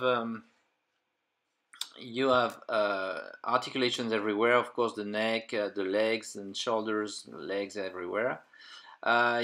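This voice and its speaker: Speaking at a medium pitch with a sharp tone, this man from France reviews a toy in relaxed English. He is middle-aged, has a French accent and a French mother tongue, and keeps restarting and using fillers while hunting for words. Around him is an indoor room packed with figures and display cases.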